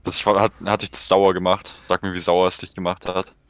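A man's voice: sits low, little pitch movement, a little fast, clean tone. A man in casual chat, adding dry, teasing remarks.

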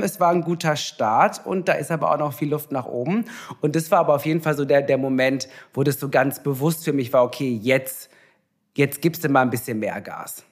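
Appearing as an interview guest, a young TV presenter with a voice on the high side chats casually and thoughtfully, his speech full of pauses and fillers.

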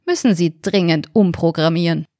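A woman's voice: fairly low pitch, normal speed, mellow, no room sound, clean studio sound, natural voice. A woman voicing an unimpressed male store manager speaking matter-of-factly.

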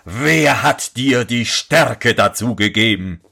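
A huge, grumbling storybook giant, voiced by a man reading the tale. He speaks in slow, drawn-out calls, and his pitch swings widely from phrase to phrase. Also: animated, gravelly, pushed and bright, breathy edge, heavily acted. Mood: warning.

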